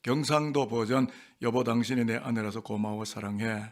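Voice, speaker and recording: A man's voice: mid-range voice, fairly even intonation, moderate pace. A male senior pastor giving a sermon in a church sanctuary, playful and quizzing the congregation.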